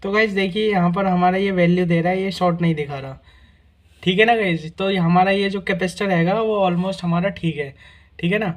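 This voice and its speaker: A man hosts a casual, hands-on repair tutorial, walking through each test step by step and often checking in with "guys" and "theek hai na." His voice is high-pitched, brisk, and steady in tone.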